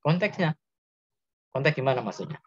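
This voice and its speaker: A man's voice: a little high, very animated, moderate pace, husky, dry recording, lo-fi sound. A man with a Javanese accent teaching a class and quizzing his students as he explains. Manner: asks students questions, explains step by step. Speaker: Islamic grammar teacher. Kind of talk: interactive classroom lesson.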